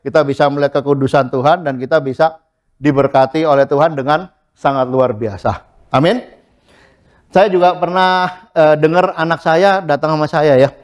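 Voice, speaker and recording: A middle-aged man preaching in a church with a high, light voice. He talks lively and casual, slips English words in and acts out the people he quotes. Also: moderate pace, highs cut off. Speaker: pastor. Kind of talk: sermon.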